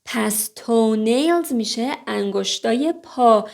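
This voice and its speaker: A woman whose first language is Persian, teaching English phrases, saying each one slowly and explaining the rest briskly. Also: fairly high pitch, animated, vocal fry, a little mellow. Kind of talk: language lesson.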